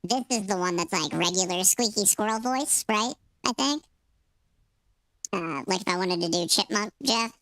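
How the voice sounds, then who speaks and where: A man talking casually through a pitch-shifting voice changer set to a squeaky chipmunk-like voice. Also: normal speed, pushed and bright, dry recording. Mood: amused. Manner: casual, rambling.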